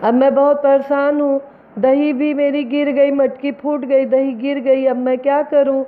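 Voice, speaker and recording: A poor, meek old mother-in-law, played by a woman telling the story, pleading slowly in a plaintive tone. Her voice stays high and unhurried. The sound is narrow and phone-like. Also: little pitch movement. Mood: distressed. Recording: tinny phone-like recording.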